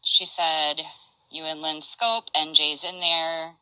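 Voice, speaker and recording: Slow low-voiced older woman rambling. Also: level tone, sharp tone, clear, resonant tone, no echo, low-quality recording. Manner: rambling, halting, restarts and asides. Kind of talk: casual live-stream chat reading messages.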